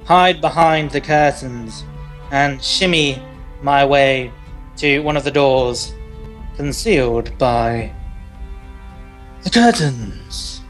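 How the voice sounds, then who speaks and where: Male tabletop player, casual and joking, very unhurried, faint music behind. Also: mid-range voice. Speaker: game player. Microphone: online voice call.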